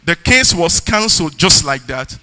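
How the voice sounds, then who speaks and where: High, bright-voiced man preaching. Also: big pitch swings, moderate pace. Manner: rising into shouted, sing-song emphasis. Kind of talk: sermon with testimony and scripture reading.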